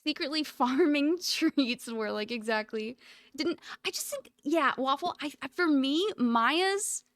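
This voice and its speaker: A woman's voice: sits high, expressive, a little slow, a bit bright, no room sound, clean studio sound. Giggly woman chatting on stream. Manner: giggly, rambling, full of "like" fillers. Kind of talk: casual livestream chat.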